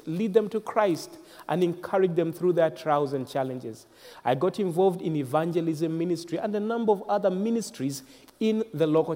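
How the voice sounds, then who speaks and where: A young adult man from Zambia, a guest minister giving a formal, measured prayer and personal testimony. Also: a little high, warm tone. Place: church hall. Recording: reverberant hall.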